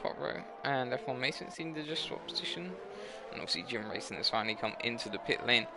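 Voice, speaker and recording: A man's voice: mid-range voice, animated, quick pace, gravelly. Tired young guy doing race commentary, keeps correcting himself, noisy background hum. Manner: rambling, self-correcting, tired. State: tired, yawning. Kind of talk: live sim racing commentary.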